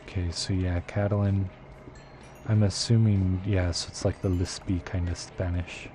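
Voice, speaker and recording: A man's voice: low-pitched, level tone, normal speed, mellow, slight background noise. A man live-streaming a game, chatting casually with viewers and rambling as he thinks aloud, with lots of fillers. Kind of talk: casual chat with viewers while playing.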